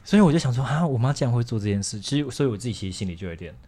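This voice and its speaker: A man's voice: medium pitch, lively intonation, very fast, mellow, slight background noise. A young man with a Taiwanese Mandarin accent, telling a personal story in a casual, rambling way on a chat show. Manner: candid, rambling, frequent restarts and laughs.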